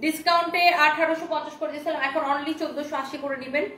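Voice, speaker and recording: A woman's voice: high voice, steady tone, rapid-fire, crowd noise. A woman hosting a live sales stream, reading viewer comments aloud in an enthusiastic, chatty patter. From Bangladesh. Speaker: online saree seller hosting a live stream. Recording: roomy echo.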